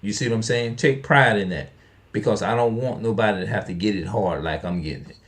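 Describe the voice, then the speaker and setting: A man in his forties talks in an unscripted online video monologue, his lowish voice brisk. He's emphatic and repetitive, often restarting sentences and throwing out rhetorical questions.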